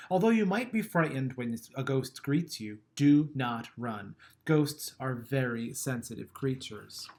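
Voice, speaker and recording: Reading a kids' picture book aloud, a man with a medium-pitched voice sounds gentle and expressive. He softly lets lines fade at their ends and chuckles over the comic moments.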